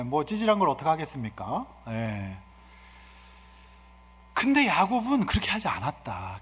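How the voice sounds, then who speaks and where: A male guest pastor giving an animated, humorous sermon and asking the congregation questions. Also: fairly high pitch, slightly rough. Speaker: guest pastor and seminar speaker. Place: church sanctuary. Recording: reverberant church hall.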